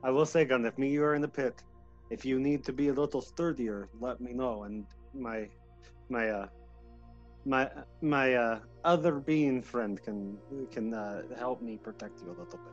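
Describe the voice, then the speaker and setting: A man playing a tabletop game, talking in a halting way with many fillers and stammered restarts. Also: mid-range voice, dull audio, soft background music. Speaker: player. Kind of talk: casual tabletop role-play.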